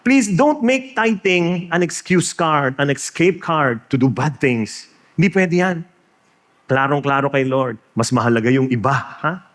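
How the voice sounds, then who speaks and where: A man's voice: fairly high pitch, unhurried. A man with a Filipino accent preaching a sermon in Tagalog and English, joking and quizzing his audience. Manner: animated, jokey, asks the crowd questions. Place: church or hall before a live audience.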